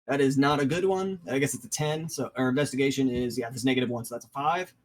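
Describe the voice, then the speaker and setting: A man's voice: mid-range voice, quick pace, poor audio. A man narrating as game master in a tabletop game played online, hesitant and full of restarts. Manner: hesitant, many restarts and ums.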